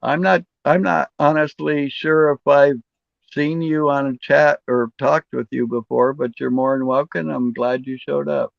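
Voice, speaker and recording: A laid-back man from Seattle hosts a casual chat. His voice is gravelly and a bit high, heard over dry, dull online call audio. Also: steady tone, a little slow, no room sound. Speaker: host.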